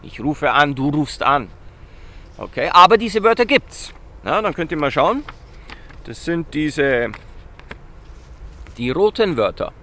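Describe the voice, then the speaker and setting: A man with a slightly high voice teaches basic Italian in a casual video lesson, staying lively, asking questions and repeating words slowly and loudly.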